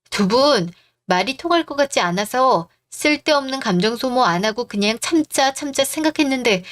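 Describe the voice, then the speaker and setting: A woman reads a family drama story aloud with calm, firm delivery. Her tone is pointed and steady. Her voice sits a little high. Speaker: story narrator and wife character. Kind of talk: scripted story narration.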